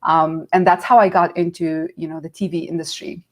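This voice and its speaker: Middle-aged woman from nazareth chatting on an interview, a bit low, voice jumps around when she quotes people. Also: a little fast. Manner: animated, acts out quoted voices. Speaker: guest. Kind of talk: casual interview storytelling.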